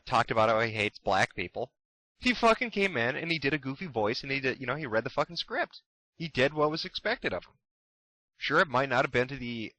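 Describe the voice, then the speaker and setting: A man's voice: medium pitch, sharp tone, dry recording, low-quality recording. A man delivering a heated, profane commentary rant with an exasperated tone. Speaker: commentary host. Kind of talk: ranting commentary.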